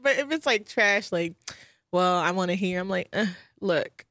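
A young woman chatting casually, full of fillers and quick impressions of people she quotes. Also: lowish voice, lively intonation, fairly bright tone, no room sound, studio quality. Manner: laid-back, lots of fillers, mimics people with quick quoted asides. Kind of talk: casual chat.

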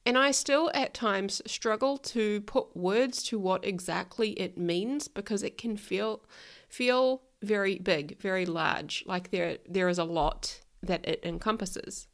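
Unhurried and mid-range in pitch, a New Zealand-accented woman delivers a frank, outspoken monologue on her own casual podcast, where she works as a life coach. She swears without hesitation, and a recent illness leaves her voice slightly nasal and congested.

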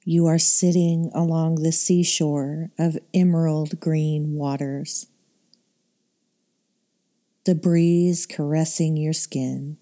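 Woman, low mellow voice, unhurried soothing meditation guide. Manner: slow, soothing, calm delivery.

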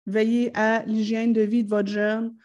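Woman, Quebec French accent, warm mellow tone, calm explanatory advice, halting fillers. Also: a little high, muffled recording. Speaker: parenting advice speaker. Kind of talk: advice talk to parents.

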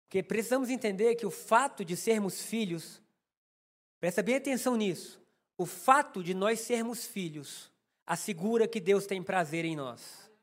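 Speaking at normal speed, a man with a Brazilian Portuguese accent and a very high voice for a man preaches to his congregation as their pastor. His sermon features a humorous personal story told directly to the listeners.

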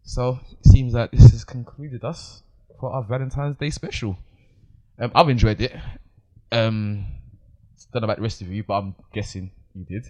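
A man's voice: medium pitch, fairly even intonation, normal speed, mellow, low-quality recording. A man hosting a casual panel chat, explaining himself insistently in slangy speech. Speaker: podcast host.

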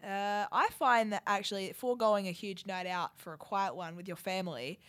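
This young Australian woman co-hosts a radio show, chatting casually in a medium-pitched, slightly bright voice at a normal pace. A head cold has left her croaky and hoarse, and she comes across as chatty and self-deprecating.

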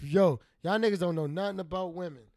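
Male podcast host, high voice, loud and animated, profane, dry close mic. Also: a little fast, no echo. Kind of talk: casual chat.

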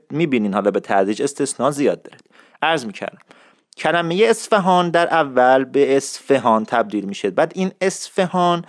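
A man's voice: mid-range voice, dry recording, studio quality. A man hosting his own podcast, talking in a playful, mock-serious lecturing way. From Isfahan, Iran. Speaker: podcast host. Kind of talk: humorous podcast monologue.

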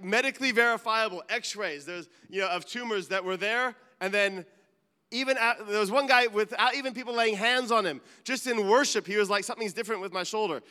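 Here a pastor gives a sermon with real sincerity, his voice high, clear and bright. He swings between emphatic climaxes and quieter asides, and everything rings out with the lengthy reverb of a big church hall.

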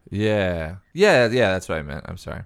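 Male caller, deep clean tone, informal and a little unsure in conversational delivery. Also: very animated, moderate pace, clear, resonant tone, no echo, studio quality. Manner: awkward, hesitant. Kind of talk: casual banter and phone chat.

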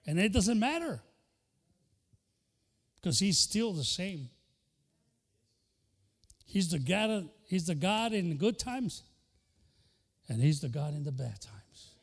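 Older male pastor, impassioned bilingual sermon, gravelly edge, long church reverb. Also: high voice, sing-song, extremely slow, long pauses. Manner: impassioned, switching between Spanish and English.

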